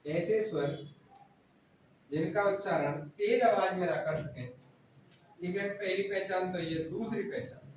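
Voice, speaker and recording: A man's voice: high voice, slow, long pauses, far from the mic. A male teacher, drilling a class in grammar, repeating points and scolding students. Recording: very echoey room, voice from afar, faint noise.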